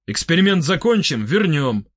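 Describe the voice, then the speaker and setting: A man reading an audiobook, voicing a hoarse, gruff and surly burly young man. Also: on the high side, big pitch swings, moderate pace, no echo, clean studio sound. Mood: sullen.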